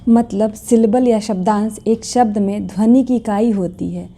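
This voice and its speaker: A woman teaching an English lesson, explaining and slowly reading out definitions and repeating example words. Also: medium pitch, fairly even intonation, warm tone.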